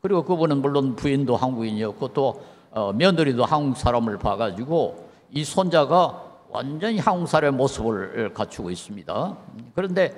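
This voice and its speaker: An older male professor lectures at an unhurried pace, often putting rhetorical questions to his listeners. His voice sits at a middle pitch. A long reverb trails his words, as in a large lecture hall. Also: expressive. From Korea. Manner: asks the audience rhetorical questions.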